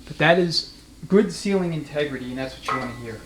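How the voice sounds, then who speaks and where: Speaking fast in a fairly high voice, a transmission mechanic and instructor demonstrates hands-on work in his workshop without a script. He keeps his explanations matter-of-fact, and the recording is very noisy.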